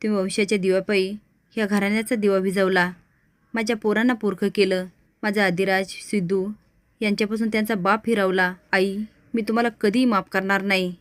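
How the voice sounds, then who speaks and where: Woman doing bitter widow mom, blaming everyone, dry flat read. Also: mid-range voice, a little fast, dry recording, natural voice. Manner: reproachful, accusing. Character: bitter widowed mother, reproachful.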